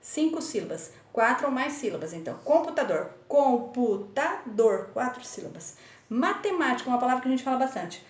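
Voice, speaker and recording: A woman's voice: high voice, big pitch swings, quick pace. A woman teaching young children remotely, with a São Paulo accent, sounding out words syllable by syllable in a patient, encouraging way. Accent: Brazilian Portuguese, São Paulo state. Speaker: primary school teacher. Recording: echoey room.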